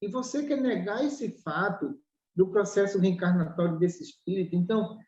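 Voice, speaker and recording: A woman's voice: medium pitch, moderate pace, mellow. A woman with a Brazilian Portuguese accent, a spiritual doctor explaining her teaching emphatically, acting out little dialogues and asking rhetorical questions. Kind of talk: explanatory talk in a spiritual study podcast. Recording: roomy, dull lo-fi recording.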